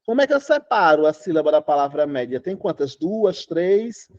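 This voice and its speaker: A man's voice: fairly high pitch, big pitch swings, moderate pace, a little mellow, dry recording, highs cut off. A man teaching a Portuguese class online, chatty, quizzing students and singing out syllables. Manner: chatty, asks students questions, sings out syllables.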